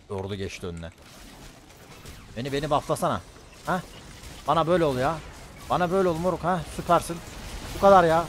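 A young man streaming a game, loud and excitable, swearing and yelling at his teammates. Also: medium pitch, a little hiss or hum. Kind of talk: live gaming commentary.

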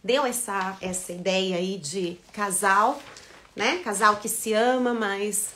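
A woman's voice: medium pitch, pushed and bright, slight background noise. Woman teaching Italian lyrics live. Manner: reads each line in Portuguese then Italian, pausing to explain words. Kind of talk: live-stream lesson, translating song lyrics.

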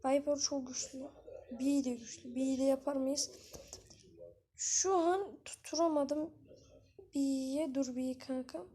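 A woman with a notably high voice commentates her match live, chatty and excitable. She coaxes the game characters and snaps with rough outbursts when things go wrong. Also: slow pace, pauses often. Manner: frustrated outbursts with swearing. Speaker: gaming channel host.

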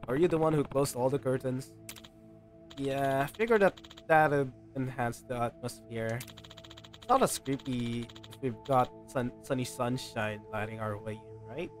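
This streamer speaks in an unhurried, mid-range voice as game music plays. He reads the game's lines aloud in a playful way, throwing in ad-libbed comments and tripping over the odd line.

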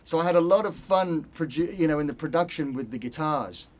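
A middle-aged Spanish guitarist, seated in a recording studio control room, chats casually as an interview guest and often searches for words. His voice is on the high side and fairly quick.

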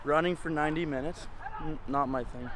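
A young man with a Québécois French accent giving joking, excitable commentary while playing soccer, out of breath. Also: fairly high pitch, a little fast, a crowd in the background. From Quebec, Canada. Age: young adult. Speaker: hockey player. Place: outdoor field. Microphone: body-worn action camera.

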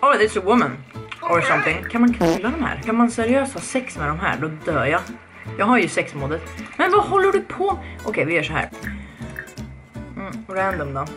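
Chatty young woman gaming with swears. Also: on the low side. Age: young adult. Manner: chatty and excitable, swears often, reads game text aloud. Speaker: gaming video creator. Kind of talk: casual let's-play commentary. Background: background music.

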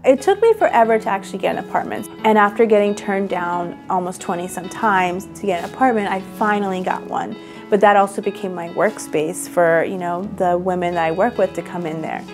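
Sitting indoors opposite an interviewer, a young adult woman who runs a boutique and designs fashion chats earnestly about her story, using "like" a lot. Her mid-range voice moves a little fast, over soft music.

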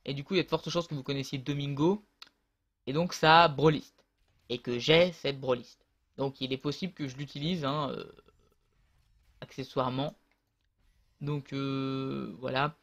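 A man's voice: medium pitch, fairly even intonation, unhurried, pauses often, a bit bright. A man casually commentating his own online match, rambling and hesitant with many fillers and restarts, on a close desk mic.

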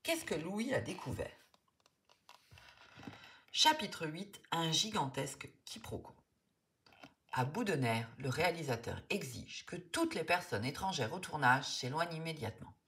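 A woman narrating a children's storybook in an expressive, lively way. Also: deep voice, measured pace, long pauses.

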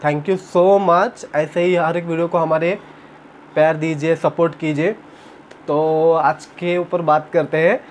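A man's voice: a little high, steady tone, slow, a little hiss or hum. A young man, chatting casually in a home vlog and retelling a story with animation. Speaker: vlogger. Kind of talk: casual chat. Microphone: camera on tripod.

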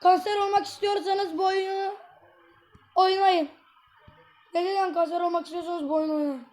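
A woman with a very high, piping voice rants through a mobile football match, excitable and quick to exasperation. Her voice sounds a little hoarse from all the shouting, and she talks straight into her tablet while she plays. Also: a little hiss or hum. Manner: exasperated, excitable, ranting at the game. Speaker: gameplay vlogger. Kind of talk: live mobile gameplay commentary.

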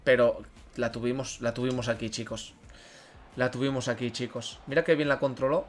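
A man's voice: medium pitch, fairly even intonation, moderate pace. A man streaming a football career mode game, chatting casually with viewers, swearing and breaking into mock rants at chat. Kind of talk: casual gaming commentary to chat.

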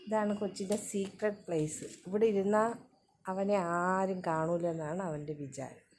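A woman's voice: medium pitch, fairly even intonation, moderate pace, a little mellow, slight background noise. A woman filming her pet dog outdoors near her home gate, talking to it in coaxing, sing-song baby talk.

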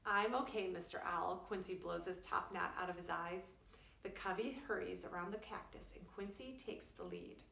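This middle-aged preschool teacher has a lowish, gravelly voice that sounds pushed and bright, keeping a steady tone at normal speed while reading a children's story and explaining it simply for young listeners. She's recorded indoors in a small wood-panelled room by a camera a few feet away, giving a roomy, distant quality with slight hiss or hum.

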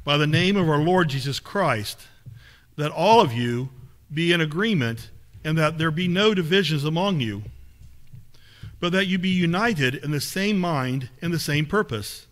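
Man reading scripture in a church. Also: fairly high pitch. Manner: measured, steady reading aloud. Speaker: lay reader. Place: small church sanctuary.

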